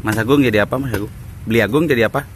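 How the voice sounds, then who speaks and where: A man's voice: mid-range voice, racing, noisy background. A man teasing and cheering on the actors during a behind-the-scenes shoot. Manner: teasing, laughing. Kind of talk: casual banter on a film set.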